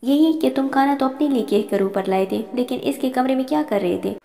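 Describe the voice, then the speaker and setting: A woman's voice: sits high, brisk, gravelly, mellow. A woman voicing an angry middle-aged mother who accuses her son and resents his bride. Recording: long reverb.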